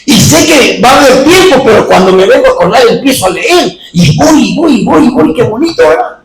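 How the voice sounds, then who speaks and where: A middle-aged man preaching a sermon in a church, moving between quiet talk and shouting. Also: extremely high pitch, lively intonation, fairly quick, roomy sound, far from the mic, over a noisy crowd, rough recording. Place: church hall.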